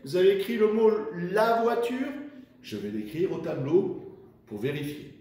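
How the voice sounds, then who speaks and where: A man teaching young children, dictating words slowly syllable by syllable and encouraging them, recorded far from the mic in an echoey room. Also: high-pitched, very animated, a little mellow, slight background noise. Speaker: primary school teacher. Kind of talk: slow dictation lesson for children.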